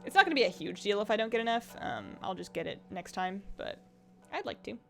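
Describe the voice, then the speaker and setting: Soft music plays behind a gravelly, fairly bright woman's voice of medium pitch that swings widely and moves quickly. She's a game streamer chatting and rambling casually while she plays, reading viewer comments aloud, a little strained from talking.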